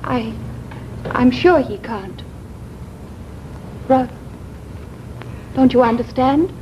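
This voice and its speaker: An earnest young wife in a 1950s TV drama, her high voice quiet, steady and pleading. The old broadcast sound is muffled, with a soft hiss behind her. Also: extremely slow.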